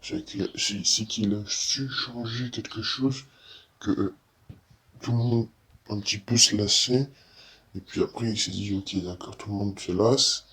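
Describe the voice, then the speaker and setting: An eighteen-year-old man speaking through a disguised, altered deep voice, giving his opinion in a rambling way with many restarts and repeated words. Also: steady tone, unhurried, fairly bright tone, breathy edge, low-quality recording. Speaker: YouTuber. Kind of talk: casual opinion monologue.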